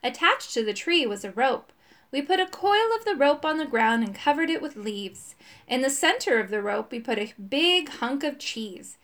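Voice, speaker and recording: A woman narrating a storybook with plenty of expression. Her voice sits fairly high and leaps around in pitch. She leans into the suspense and the silly moments alike. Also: normal speed. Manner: expressive, dramatic reading. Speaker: audiobook narrator.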